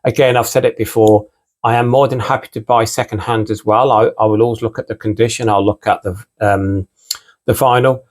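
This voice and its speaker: A man's voice: on the low side, steady tone, fairly quick. A British man with a mixed English and Irish accent, a record collector hosting his own channel and chatting casually. He rambles and keeps repeating "again" and "you know.". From United Kingdom. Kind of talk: casual unscripted vlog talk.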